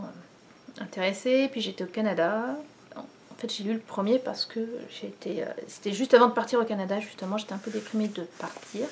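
There's slight background noise as this French woman in her thirties, who vlogs about knitting, chats to camera indoors at home in her living room. The camera, in front of her, frames her head and shoulders, and her slightly high voice rambles with many fillers and restarts.

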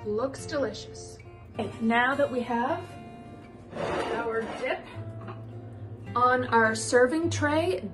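Chatty woman hosting a cooking video. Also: fairly high pitch. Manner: chatty, upbeat, addresses viewers as friends. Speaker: cooking channel host. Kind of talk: casual cooking tutorial. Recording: music playing underneath. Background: background music.

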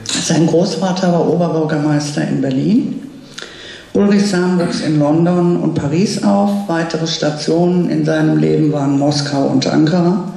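A woman's voice: low voice, moderate pace, vocal fry, dark tone. A woman hosting an event, introducing the guest speaker with a handheld microphone at a lectern. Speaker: event host. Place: dark stage at a lectern. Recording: very echoey room.

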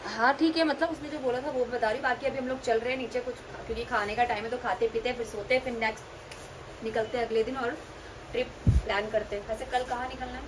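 A woman's voice: fairly high pitch, fairly even intonation, fast talker, background noise. A young woman casually narrating a travel vlog to her phone camera as she walks through a hotel and night streets. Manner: chatty, narrating to camera while walking. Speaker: vlogger. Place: hotel room and night streets of a hill town. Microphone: phone held at arm's length. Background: background music.

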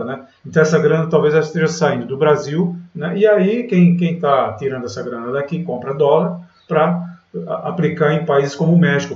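A man's voice: mid-range voice, darkish tone. A man from Brazil hosting a day trading channel, talking over a screen recording of market charts in a chatty, filler-heavy way. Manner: chatty, filler-heavy, keeps saying "galera" and "né". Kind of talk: screen-share market commentary. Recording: roomy, distant, dull lo-fi mic.

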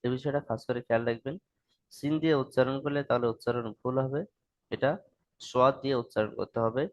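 A man teaching an online class, slowly chanting a prayer line by line, then explaining its pronunciation in quick, plain speech. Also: medium pitch, fairly even intonation. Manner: slow drawn-out chanting of the prayer.

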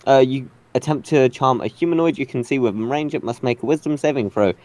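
Mellow-voiced male player. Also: mid-range voice, dry recording. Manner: measured, reads rules aloud. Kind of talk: casual tabletop game play.

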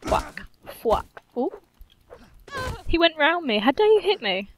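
A woman's voice: sits high, very animated, takes it slowly, a little hiss or hum. A woman giving casual gameplay commentary, playful, cheerfully swearing and humming to herself. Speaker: gaming channel host.

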